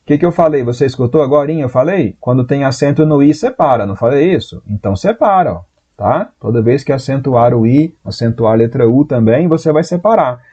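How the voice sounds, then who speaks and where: Lively Brazilian man teaching a live class. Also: mid-range voice, a little fast, husky, dull audio. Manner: lively, chatty, answers chat messages by name; voices students' doubts in a raised voice. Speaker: Portuguese teacher for exam prep. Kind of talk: live online exam-prep class.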